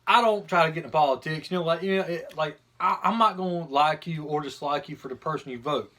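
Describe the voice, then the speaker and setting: A man's voice: fairly high pitch, quick pace, sharp tone. A man chatting casually and giving his opinions bluntly, with some mild swearing, as a video host. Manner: blunt, mildly profane.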